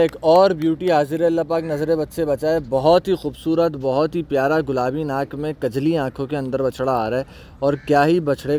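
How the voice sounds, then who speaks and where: कराची के उर्दू लहजे वाला एक आदमी, बाहर के फार्म पर जानवर दिखाते हुए कैमरे के पीछे से कमेंट्री करता है, बार-बार माशाल्लाह कहता है और संभालने वालों को बछड़ा चलाने के निर्देश देता है।. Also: male voice, mid-range voice, warm tone, a little hiss or hum. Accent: Karachi Urdu. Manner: keeps saying mashallah, calls out orders to handlers. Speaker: cattle market vlogger. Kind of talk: off-camera commentary showing livestock. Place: outdoor cattle farm yard.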